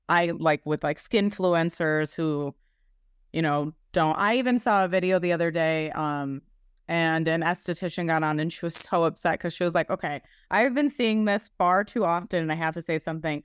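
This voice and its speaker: A woman's voice: on the low side, moderate pace, clear, resonant tone, no room sound, clean studio sound. A woman hosting a podcast in a casual, chatty way, with informal phrasing peppered with "like". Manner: informal, frequent "like" as filler. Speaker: podcast host.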